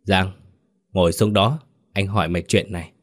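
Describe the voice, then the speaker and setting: A man's voice: sits low, steady tone, normal speed. A man voicing a stern, angry young older brother in a horror story reading, harsh and scolding.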